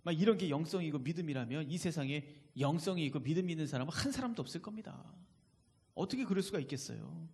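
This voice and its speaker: Long church-hall reverb surrounds a man's high-pitched, somewhat dark voice as he preaches in a sanctuary. As pastor, he speaks with emphasis and repeatedly asks the congregation questions.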